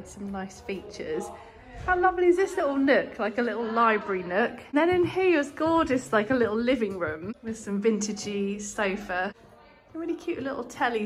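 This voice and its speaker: A woman in her forties, from England, chatting in a casual vlog and gushing over what she shows, filmed on a phone at arm's length. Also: medium pitch. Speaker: vlogger. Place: indoors at home, in a car, walking through a rental house. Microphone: phone camera held at arm's length.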